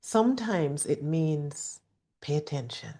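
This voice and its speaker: A middle-aged woman, speaking softly and gently with deliberate pauses, like a host guiding a calm reflection or telling a personal story. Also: deep voice. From Jamaica. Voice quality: soft. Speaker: podcast host. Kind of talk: reflective personal storytelling with calming guided-meditation delivery.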